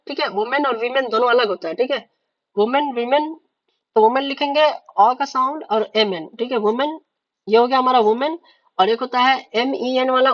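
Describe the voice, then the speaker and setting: A man tutoring shorthand in a casual online lesson, patient and repeating "okay" after each point. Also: high-pitched. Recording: dull lo-fi recording.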